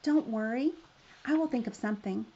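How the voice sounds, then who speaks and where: A woman's voice: a little high, normal speed, dark tone, slightly rough, lo-fi sound. A woman reading the part of a clever young boy in a storybook, a reassuring big brother.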